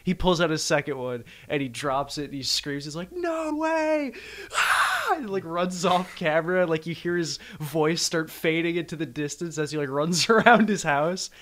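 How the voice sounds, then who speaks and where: A man's voice: on the high side, moderate pace, few pauses, a bit bright. A man in casual chat, telling stories in a rambling way with lots of fillers. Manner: rambling storyteller with many fillers.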